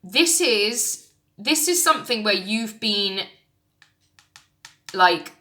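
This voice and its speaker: A woman's voice: mid-range voice, expressive, takes it slowly, bright, forceful tone. A woman giving a casual spoken tarot reading, blunt and frank, with casual swearing. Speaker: tarot reader.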